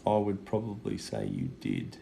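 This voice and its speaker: A man's voice: very deep voice, wildly swooping pitch, normal speed, mellow. A man chatting casually on a livestream as a psychic medium, matey and sweary with plenty of slang. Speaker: psychic medium giving live readings. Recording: clear background noise.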